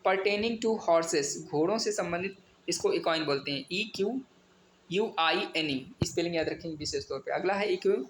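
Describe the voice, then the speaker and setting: A man's voice: high voice, normal speed. Man teaching vocabulary in an echoey room. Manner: spells words letter by letter, mixes English definitions. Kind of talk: exam vocabulary lesson. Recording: echoey room with faint ambient noise.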